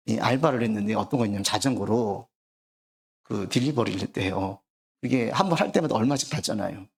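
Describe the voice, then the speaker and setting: A man's voice: mid-range voice, creaky, a little mellow. A man preaching a sermon as pastor, telling anecdotes and acting out the dialogue of the people in them. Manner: storytelling, acts out quoted dialogue.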